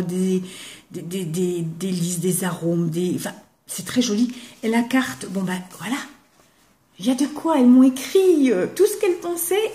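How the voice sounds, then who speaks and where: An older woman chatting casually to the camera as she shows her craft gifts, now and then dropping to a whisper as she admires them. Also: medium pitch. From eastern France. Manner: chatty, warm, drops to a whisper when admiring things. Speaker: craft vlogger.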